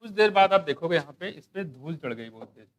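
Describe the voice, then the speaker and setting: A man teaching a biology class, asking students questions, joking and reading textbook lines slowly. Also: a little high, lively intonation. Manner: asks students questions and jokes, mixing Hindi with English textbook lines; slows down to read English lines aloud. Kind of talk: classroom lecture.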